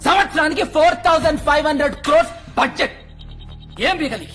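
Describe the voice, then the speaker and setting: An enraged official, firing off a sarcastic tirade. His voice is high, bright and fast, with faint music under it. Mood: furious. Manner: shouting, sarcastic, rapid tirade. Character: furious middle-aged official berating police chief. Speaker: senior official scolding police.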